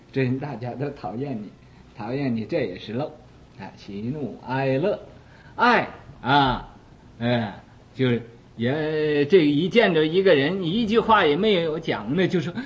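A man giving a Buddhist dharma lecture, talking slowly and deliberately with many drawn-out "ah" fillers, explaining by acting out small everyday scenes, on a dull lo-fi recording. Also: medium pitch, slight background noise. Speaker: Buddhist teacher.

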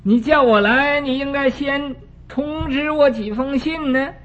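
A man's voice: high voice, animated, takes it slowly, heavily acted. A man voicing an indignant, argumentative old male lawyer who protests and argues every point. The recording is dull and lo-fi with a faint hiss.

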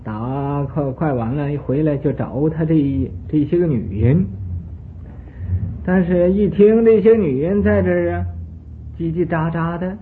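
Male Buddhist teacher, animated sermon storytelling, mid pitch, phone-like audio with faint hiss. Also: measured pace.

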